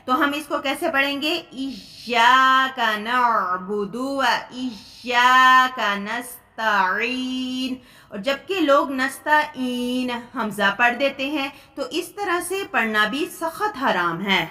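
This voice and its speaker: A woman with a Pakistani Urdu accent teaching Quran recitation in a recorded lesson, explaining common mistakes and slowing into drawn-out recited examples. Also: sits high, animated, pushed and bright.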